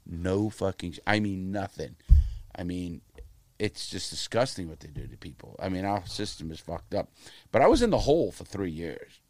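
A deep-voiced man in his fifties speaks at normal speed on a recording with no room sound. Sitting for a casual interview, he spins animated stories that are blunt and profane.

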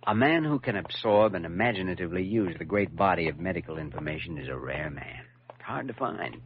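An actor playing a thoughtful, persuasive young hospital doctor in a classic radio drama, speaking in an earnest, measured manner. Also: male voice, low-pitched, lively intonation. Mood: deliberately offhand. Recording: muffled, noisy old radio recording.

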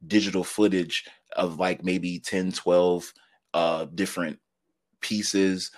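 A man in his thirties, a podcast guest, telling stories in quick, laughing, filler-heavy casual talk. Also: deep voice, little pitch movement, dry recording, clean studio sound. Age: 30s. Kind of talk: casual interview storytelling.

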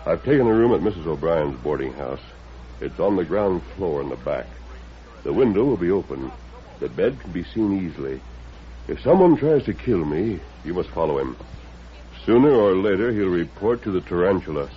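A steady western hero from an old radio serial. He speaks low, measured and quietly resolute, through a dull, lo-fi vintage recording. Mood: calm, resolute. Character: calm, steady masked western hero in disguise. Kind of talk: 1940s radio western acting.

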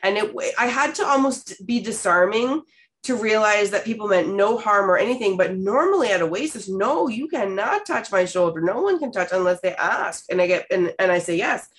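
A woman in her thirties from Canada, hosting a podcast and telling stories in a candid, expressive way with casual swearing. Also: medium pitch, moderate pace. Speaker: podcast host. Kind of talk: casual storytelling chat.

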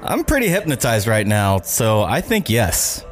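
Stressed-out young editor guy, played by a man; jumpy, yelping, very lively pitch. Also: unhurried, soft background music. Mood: bewildered. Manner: yelping, excitable outbursts. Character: frazzled young male video editor, panicky.

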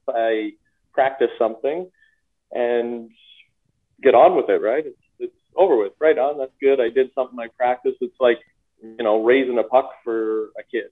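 Male guest, former player and coach, tinny phone-line sound, relaxed and laughing. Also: mid-range voice. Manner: laughs often, repeats words, relaxed storytelling. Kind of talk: casual interview over a call.

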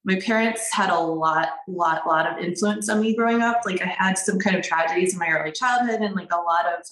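Here a young woman writer, a guest in an interview, speaks quickly in a lowish, somewhat bright voice. She rambles informally, restarting and filling pauses often, while the roomy echo shows she's set back from the microphone.

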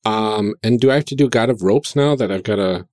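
A man with a lowish, darkish voice talks a little fast, with no echo. He's a first-time tabletop player building his character, speaking hesitantly and with plenty of fillers in casual game chat.

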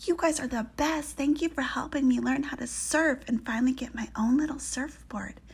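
A woman's voice: high voice, moderate pace, gravelly, a little mellow, husky, voice pushed up, heavily acted. A woman voicing a cheerful, friendly male toad who wants to surf. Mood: excited. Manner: laid-back, upbeat.

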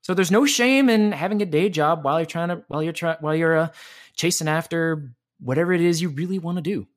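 An enthusiastic voice actor and teacher chats in a casual interview, his voice a little high and quick. He speaks in lively, animated bursts, often stopping to rephrase, and stays easy and conversational.

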